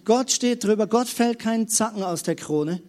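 Easygoing, approving God, voiced by a male preacher, soft and unhurried, fairly high voice. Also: close to an everyday voice. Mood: relaxed.

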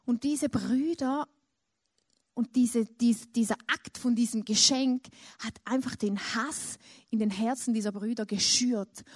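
A woman's voice: on the high side, dry recording, clean studio sound. A woman preaching a sermon and retelling a story, rising dramatically when she imagines a grieving father's cries.

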